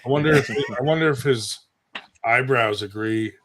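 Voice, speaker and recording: A man's voice: medium pitch, moderate pace, fairly bright tone. An American man chatting casually in a laid-back manner. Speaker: participant in arm wrestling live chat. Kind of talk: casual chat.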